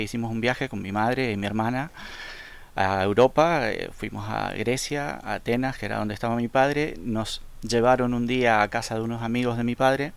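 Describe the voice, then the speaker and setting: Male guest from Argentina, mid-pitched voice with a gravelly edge, relaxed storyteller. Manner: unhurried storytelling with hesitant fillers. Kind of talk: conversational interview.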